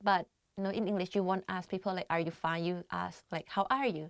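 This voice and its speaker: A language teacher from Thailand, speaking with a Thai accent, gives a casual lesson on beginner phrases, chatty and often saying "like" and laughing. Her lowish voice is steady and quick, with a clean tone in a dry, clean studio recording.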